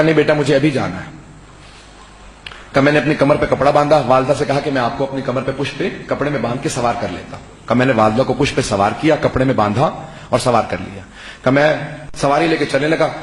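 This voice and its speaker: A man's voice: mid-range voice, expressive. Impassioned male preacher in a roomy hall. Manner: impassioned storytelling, rising to shouts. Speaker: religious scholar. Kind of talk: Shia majlis sermon. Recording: roomy hall sound, faint background hiss.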